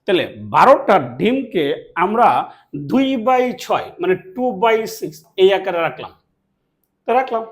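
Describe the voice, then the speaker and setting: A man's voice: high voice, animated, moderate pace. A man from Bangladesh, teaching a classroom math lesson, asking questions and answering them himself. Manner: asks and answers his own questions, repeats key words.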